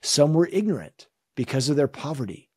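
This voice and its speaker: A man teaching a scripture lesson in an earnest, measured, reflective way. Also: a little high, big pitch swings, husky, no echo, clean studio sound. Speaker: religion teacher.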